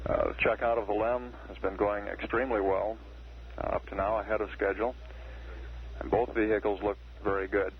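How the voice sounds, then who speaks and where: A man giving measured, matter-of-fact spaceflight status commentary as a mission control announcer. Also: on the low side, level tone. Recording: dull archival radio broadcast, faint hiss.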